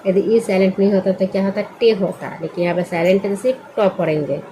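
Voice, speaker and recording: A woman's voice: mid-range voice, fast talker, noisy background. A woman teaching English spelling word by word, patiently asking questions and answering them herself. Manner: patient, asks and answers her own questions. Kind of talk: slow spelling lesson.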